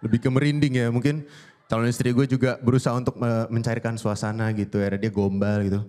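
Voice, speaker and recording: A man's voice: medium pitch, quick pace. A young man performing a stand-up comedy set on stage, talking animatedly and slipping into impersonations. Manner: animated, jumps into impersonations of odd voices. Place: stage before a live audience.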